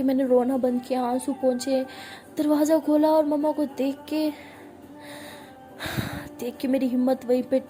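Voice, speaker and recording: A young woman telling a first-person love story, heartfelt and halting, with restarts. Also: high voice, warm tone. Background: faint music.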